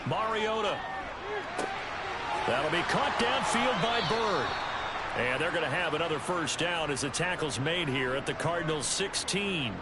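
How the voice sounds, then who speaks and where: A man's voice: on the high side, measured pace, natural voice. A man playing an American play-by-play football announcer in a video game, with clipped, polished broadcast delivery. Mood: brisk, focused. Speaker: play-by-play sports commentator. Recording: very noisy, game sounds and thuds behind.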